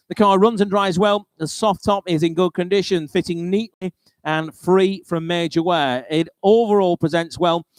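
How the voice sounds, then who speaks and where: A British man with a fairly high, very clear voice works as an auctioneer. He rolls through lots and repeated bid figures in a practised calling style, slipping in chatty, wry remarks. The sound is close and dry. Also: dry recording. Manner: informal, chatty, wry asides between bids. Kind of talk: live auctioneering, rolling bid-calling chant with repeated prices.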